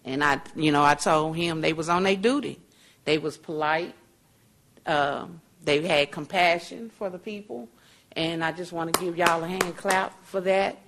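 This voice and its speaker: A woman speaks slowly and deliberately, her voice low and gravelly with fry. She pleads at a council podium mic, repeating her points with churchlike phrasing. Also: a bit bright, a little hiss or hum. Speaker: public commenter. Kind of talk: impassioned public comment. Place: city council chamber. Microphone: podium microphone.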